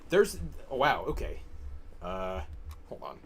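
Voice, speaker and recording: A young man ranting angrily over an online game, swearing a lot and swinging between shouts and low muttering. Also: wildly swooping pitch, slow pace, gravelly, a little hiss or hum. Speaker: gaming streamer. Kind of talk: ranting gameplay commentary.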